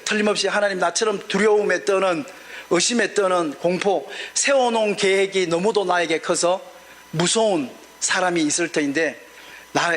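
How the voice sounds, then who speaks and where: A man's voice: high-pitched, a bit bright. A man preaching a sermon as a pastor, telling a personal story and acting out his prayers and other people's voices. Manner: storytelling with acted prayers and voices, emotional swings. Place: church hall at a conference.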